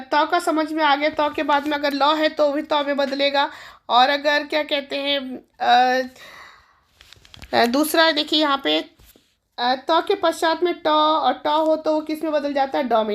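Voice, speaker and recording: A woman teaching Hindi grammar as a classroom-style lesson, walking through each example step by step and asking and answering her own questions as she addresses her students as children. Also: high-pitched.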